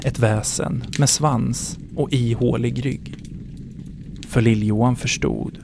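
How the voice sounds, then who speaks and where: Give me a man narrating a dark folk tale with a gravelly, creaky voice. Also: medium pitch, fairly even intonation, noisy background. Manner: measured dramatic storytelling. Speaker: podcast host and storyteller. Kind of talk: scripted story narration.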